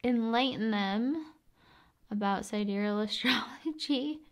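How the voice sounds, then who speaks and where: A woman with a fairly high voice hosts an ASMR video. She talks unhurriedly and conversationally in a hushed tone, drifting between soft speech and whispers.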